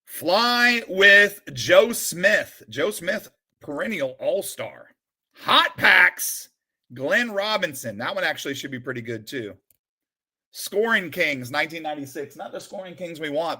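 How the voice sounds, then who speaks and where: A bright, high-ish male voice that swings widely in pitch while he commentates on a live stream. He calls out names slowly and deliberately, then drops into low muttered asides. His excitement comes in bursts. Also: breathy edge. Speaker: sports card streamer opening a collection.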